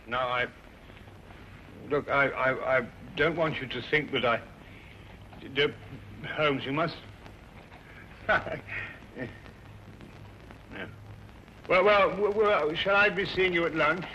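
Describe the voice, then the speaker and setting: A man's voice: on the high side, steady tone, unhurried, pauses often, pushed and bright, a little hiss or hum. An actor playing an earnest, loyal male doctor companion, stammering and hesitant in scenes and narrating in voice-over. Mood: flustered. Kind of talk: TV drama acting with voice-over narration. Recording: dull lo-fi TV soundtrack.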